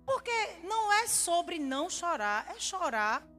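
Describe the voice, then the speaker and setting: Woman pastor, sermon, bright voice, music behind. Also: very high voice, very animated, a little slow. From Brazil. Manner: preaching with rising, shouted climaxes; acts out quoted voices in a playful aside. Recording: preaching over background music.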